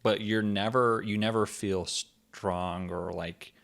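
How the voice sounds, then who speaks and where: A man's voice: lowish voice, steady tone, slow pace, gravelly, fairly bright tone. A man co-hosting a gaming podcast, explaining a game in casual chat, rambling with lots of "like" and "um" and the odd laugh. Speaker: podcast co-host.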